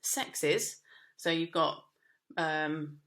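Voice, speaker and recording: A woman's voice: low voice, very slow, a bit bright. A woman teaching a media studies lesson, explaining casually with frequent fillers and restarts. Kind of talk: recorded lesson.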